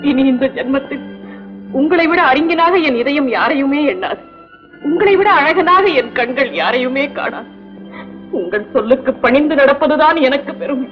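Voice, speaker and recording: An actress playing an earnest young princess who speaks in formal, measured, poetic phrasing. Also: female voice, high voice, close to an everyday voice. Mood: devoted, pleading. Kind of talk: 1960s film acting. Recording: muffled old film soundtrack with music.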